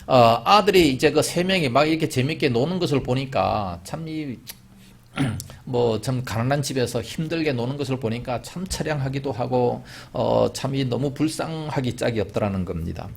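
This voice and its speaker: A man's voice: normal speed, gravelly, breathy edge. A man preaching a sermon in a church, telling a story with big rises and falls in his voice. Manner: storytelling, with large swings in pitch and loudness. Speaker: pastor. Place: church sanctuary.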